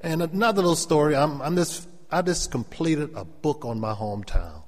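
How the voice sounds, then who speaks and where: Preaching in a big, echoey hall with long reverb, this middle-aged South Carolina elder has a slightly high, expressive voice with a darkish tone and a Gullah Geechee accent. He talks at normal speed, telling funny anecdotes to the congregation, repeating phrases and asking for amens.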